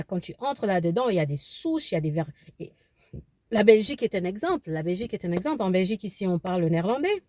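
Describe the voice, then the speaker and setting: Clean studio sound with no room echo captures this mid-range, darkish voice. The speaker, a thirty-something woman from eastern Congo (DRC) who grew up speaking Kibembe, vlogs her opinions casually from her car, often repeating herself and starting over amid many fillers.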